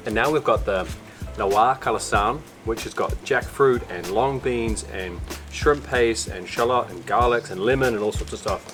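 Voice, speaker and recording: A young man in casual vlog chat, relaxed and chatty, talking while tasting food. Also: fairly low pitch, normal speed, over music. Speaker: travel vlogger.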